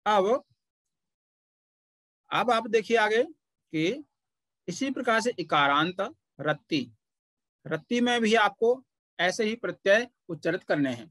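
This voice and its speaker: A man teaching a Pali grammar class, explaining patiently and pausing often to point things out. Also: sits high, lively intonation, fairly bright tone, no room sound. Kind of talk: online grammar lesson.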